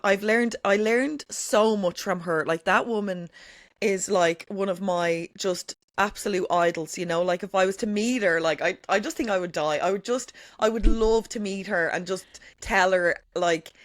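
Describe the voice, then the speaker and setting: Speaking at a moderate pace in a mid-range voice, this woman is a podcast guest in a candid conversation, captured in a dry recording. She claims to have a strong voice, curses without hesitation, and peppers her speech with "like" and "you know."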